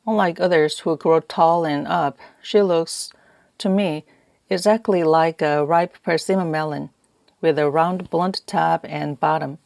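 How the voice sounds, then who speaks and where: Woman audiobook narrator, low register, calm measured first-person reading, dry studio mic. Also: no echo.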